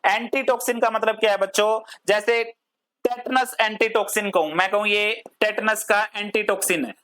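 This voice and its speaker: A woman gives a pharmacy lecture, code-switching between Hindi and English, asking the class questions and answering them herself. Her mid-range voice is steady and a bit bright at normal speed, and she drawls long technical terms out word by word.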